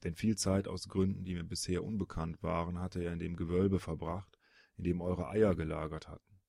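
A man reading a storybook audiobook, voicing a sorrowful, troubled human man with a husky voice and an earnest, questioning manner. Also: deep voice, little pitch movement, moderate pace, dark tone, dry recording, clean studio sound, voice pushed down, heavily acted.

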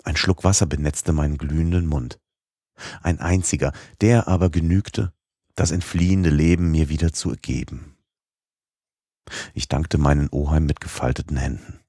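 A man reads a classic adventure novel aloud with a very deep, husky voice. His delivery is expressive and lifts into the dialogue. The recording is close and dry, with no room sound. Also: moderate pace, dry recording. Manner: expressive reading, voicing the dialogue. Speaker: audiobook narrator. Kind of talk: scripted narration of a classic novel.

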